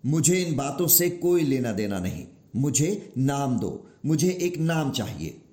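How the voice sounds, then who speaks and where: A man voicing a stubborn divine boy who keeps demanding names, speaking slowly and insistently in a storybook telling. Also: mid-range voice, very animated, warm tone, reverberant. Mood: defiant. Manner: slow, insistent, defiant. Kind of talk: storybook narration.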